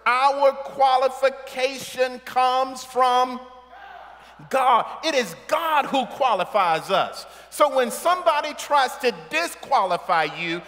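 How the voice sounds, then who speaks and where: A middle-aged male pastor preaching a sermon from a church stage, calling for amens and building to shouts. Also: very high-pitched. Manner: call-and-response preaching, rising to shouts. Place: large church sanctuary stage. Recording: long church hall reverb.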